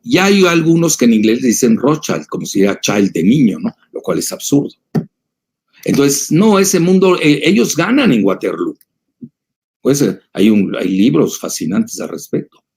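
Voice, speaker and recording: A man's voice: medium pitch, very animated, normal speed, gravelly, a little mellow, breathy edge. A man, an older analyst, answering audience questions in a digressive, emphatic lecture style with many filler sounds.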